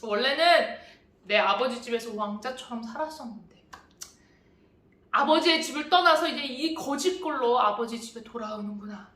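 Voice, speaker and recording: A woman's voice: on the high side, animated, normal speed, a bit bright. A woman preaching to children in a church, telling the story expressively and asking them questions. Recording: echoey church hall.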